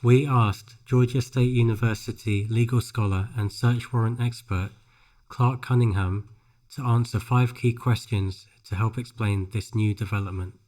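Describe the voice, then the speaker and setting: A man reads scripted narration for a pronunciation drill, phrase by phrase, with careful, measured enunciation. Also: on the low side, fairly even intonation, a little mellow. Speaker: English shadowing practice narrator.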